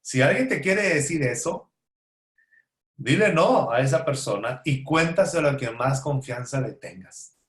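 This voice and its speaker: A man's voice: mid-range voice, expressive, a little slow, a bit bright. A man teaching a conversational Bible study lesson, asking and answering his own rhetorical questions with joking asides. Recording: roomy echo.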